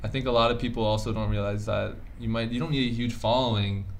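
A man's voice: fairly low pitch, fairly even intonation, fast talker, creaky, a little hiss or hum. A man of twenty, a guest on a casual podcast, talking in a laid-back, rambling way full of "like". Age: 20s. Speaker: guest entrepreneur.

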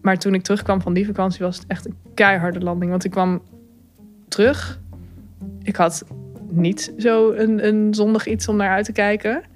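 A woman telling her own story, thoughtful and candid, pausing with fillers and small laughs. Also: medium pitch, flat delivery, faint music behind. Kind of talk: personal account, reflective.

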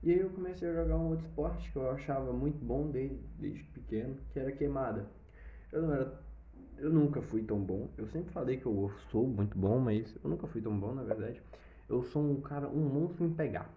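Animated Brazilian young man telling a story. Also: mid-range voice, fairly quick. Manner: animated, with swearing and sound effects. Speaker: vlogger telling a personal story. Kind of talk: casual storytelling. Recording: slightly dull lo-fi recording.

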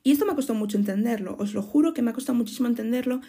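A young woman from Spain with a Spanish accent talks straight to her listeners in a casual podcast monologue. Her voice sits a little high but sounds mellow and husky. She is frank and chatty, stumbles, restarts and casually swears. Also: racing. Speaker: podcast host.

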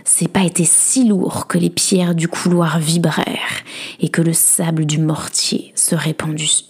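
Breathy woman whispering a dark tale. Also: low-pitched. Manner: hushed, dramatic. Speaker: storyteller, podcast host. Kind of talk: softly whispered story reading.

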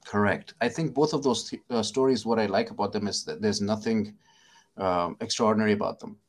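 Indian man, middle-aged, low gravelly voice, halting self-deprecating interview storyteller. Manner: halting, many fillers and restarts, warmly self-deprecating. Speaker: guest, psychiatrist.

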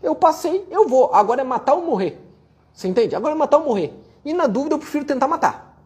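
A man giving a blunt, profane motivational rant while answering viewer questions, forceful and mocking toward complainers. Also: very high voice, big pitch swings, fast talker. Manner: forceful, profane, mocks complainers in whiny voices.

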